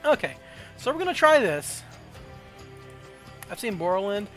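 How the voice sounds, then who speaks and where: This game streamer, a man from the southern US with a Southern accent, chats casually during a card game livestream, musing aloud and doubting himself. His voice is high-pitched and very animated yet unhurried, fairly bright, with faint music behind.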